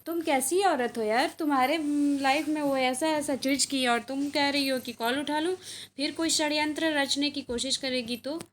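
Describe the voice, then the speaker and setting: A woman's voice: sits high, normal speed, slight background noise, natural voice. A woman voicing a suspicious, protective grown man who warns with doubt. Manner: doubtful, warning.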